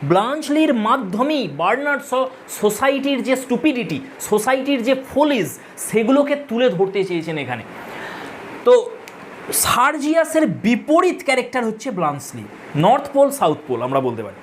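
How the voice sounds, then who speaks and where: A woman's voice: a little high, big pitch swings, moderate pace, a little hiss or hum. Woman teacher explaining a play. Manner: explanatory, addresses viewers as friends; mixes English terms into explanations. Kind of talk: recorded literature lesson.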